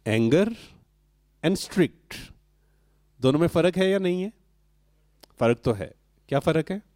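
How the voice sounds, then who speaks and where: Dry, mellow-voiced man teaching an audience. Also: on the high side, expressive, normal speed, clear, resonant tone, no room sound. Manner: asks the audience questions and answers them himself. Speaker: spiritual speaker addressing an audience. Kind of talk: interactive talk to a live audience.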